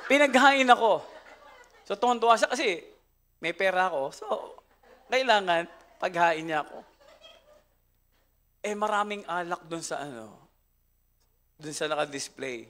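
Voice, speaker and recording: High-voiced Filipino pastor, unhurried. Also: male voice, animated, sharp tone. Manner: storytelling, laughing often, mixing English into Tagalog. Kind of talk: sermon. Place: church service.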